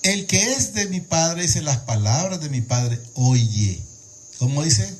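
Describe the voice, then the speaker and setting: A male preacher with a fairly high voice delivers a sermon. He reads scripture aloud and breaks off to explain it, asking his listeners rhetorical questions. His speech is full of repeated words and restarts as he searches for the right phrase. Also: very animated, slow.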